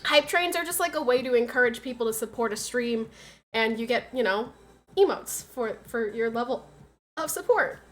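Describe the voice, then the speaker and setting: This is a young female streamer in a relaxed livestream chat, speaking at a normal speed in an expressive, high-leaning voice. Her sinuses are blocked from a cold, giving her a nasal sound as she wanders through filler-laden anecdotes.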